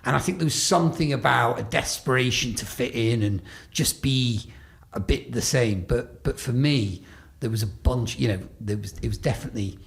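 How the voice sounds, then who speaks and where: A creaky, mid-range male voice at a normal pace: a podcast host in his forties, raised between Scotland and England, with a faint Glaswegian accent mostly worn away by a Stoke-on-Trent upbringing. In this casual conversational interview he tells rambling anecdotes, restarting often.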